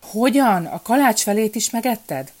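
A woman's voice: medium pitch, lively intonation, darkish tone, voice pushed up, close to an everyday voice. A woman voicing an indignant king who bursts out in anger in a storybook tale. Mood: outraged. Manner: indignant outbursts. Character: angry shouting king, middle-aged man.

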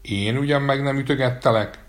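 A man voicing two huge, quarrelsome male giants in a storybook, loud and bickering. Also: medium pitch, pitched above the performer's own voice, lightly acted.

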